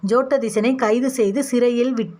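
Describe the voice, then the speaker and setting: A woman's voice: fairly high pitch, fairly even intonation, normal speed, warm tone, lightly acted. A woman voicing a grieving young male monk in a story reading. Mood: subdued. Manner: sorrowful, defeated.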